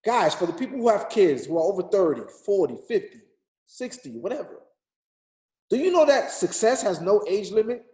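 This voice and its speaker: With big pitch swings and a dark tone, a high-pitched man in his thirties speaks at a normal pace, motivating a group call in an emphatic, repetitive, preacher-like way. The recording is reverberant.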